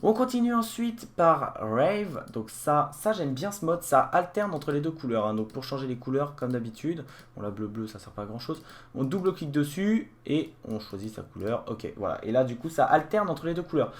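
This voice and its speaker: A man's voice: a little high, lively intonation, normal speed. Man hesitantly walking through a gadget. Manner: hesitant, many fillers and restarts, explaining as he clicks. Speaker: tech reviewer. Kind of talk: casual product unboxing walkthrough.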